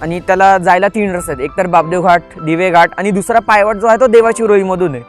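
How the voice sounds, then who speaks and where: A man's voice: high voice, steady tone, quick pace, soft background music. A man from the Pune area, a podcast guest, retelling a scary experience vividly and acting out the dialogue. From Pune area, India. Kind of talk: storytelling in an interview.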